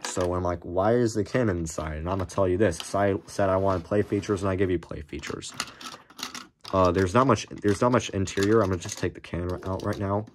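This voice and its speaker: In a small indoor room, a young Lego YouTuber sits at a table showing off a toy build while a camera films his hands over the desk. He talks briskly in a deep voice that's cracked and a bit hoarse, rambling with plenty of fillers and restarts. There's slight background noise.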